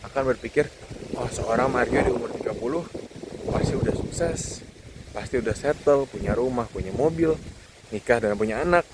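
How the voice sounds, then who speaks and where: With a medium-pitched voice at a moderate pace, a man of thirty hosts a podcast on a walk across a campus football field, talking to himself in an informal, reflective vlog monologue. Outdoor background noise is clear and prominent.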